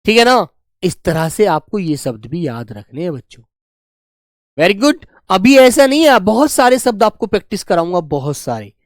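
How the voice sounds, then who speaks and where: A man teaching a spelling class online, coaxing his students and slowly repeating words to show how they are said. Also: high-pitched, animated, no echo, studio quality. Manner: coaxing, keeps calling students "beta" and "bachche". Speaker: Hindi teacher.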